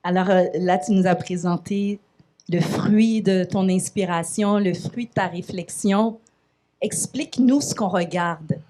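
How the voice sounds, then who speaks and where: A woman hosting a festival event, introducing and interviewing an artist with enthusiastic, warm questions. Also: fairly low pitch, fairly even intonation, a little slow, a little hiss or hum. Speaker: festival host.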